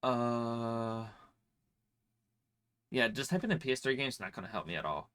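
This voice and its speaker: Answering his viewers' questions in a casual chat, a nasal-sounding man with a slight cold and stuffy nose rambles on, swears freely and leans heavily on fillers. His mid-range voice is animated, clean and fairly bright, at a moderate pace.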